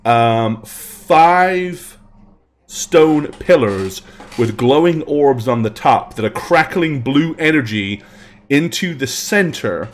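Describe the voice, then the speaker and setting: A man narrating as game master of a tabletop game, unhurried and hesitant, often pausing with "um". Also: medium pitch. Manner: unhurried, hesitant with frequent ums.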